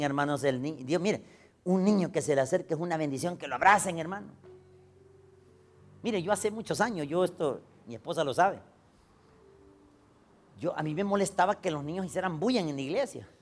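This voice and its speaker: A male pastor preaching a storytelling sermon, swinging from loud exclamations to low asides. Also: normal speed, long pauses, faint music behind.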